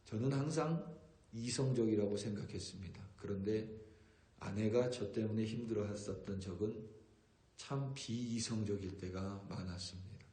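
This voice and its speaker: A man preaching an early-morning sermon as a pastor, earnest and growing forceful when he reads scripture aloud. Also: lowish voice, normal speed, reverberant. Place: church sanctuary.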